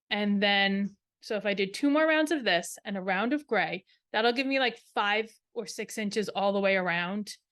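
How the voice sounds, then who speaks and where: A woman co-hosts a knitting podcast, chatting casually in a show-and-tell style and rambling as she thinks out loud. Her voice is mid-range with a fairly bright tone.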